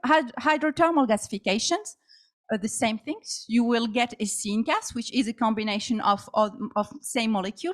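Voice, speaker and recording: Woman with a fairly high voice, conference speaker, hesitant delivery with many fillers. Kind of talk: technical conference presentation.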